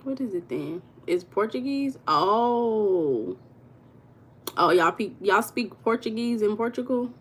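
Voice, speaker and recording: A woman's voice: medium pitch, expressive, slow, husky. American woman, livestream host, casual and chatty, talks straight to her viewers. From United States. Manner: chatty, addresses viewers as y'all, reads comments aloud.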